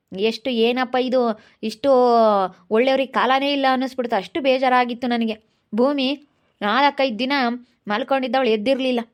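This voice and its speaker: A woman's voice: fairly high pitch, natural voice. Woman doing a young village guy, fed up and hurt, keeps complaining. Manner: complaining, aggrieved, repeats the same grievance. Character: aggrieved young village husband and son. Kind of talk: amateur village drama acting.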